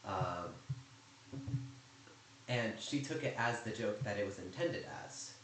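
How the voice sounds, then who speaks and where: A man's voice: fairly low pitch, animated, slow, fairly bright tone. A man casually telling a rambling story about his game server, chatty and full of sarcastic asides. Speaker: YouTuber recounting server drama. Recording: very echoey room, faint noise.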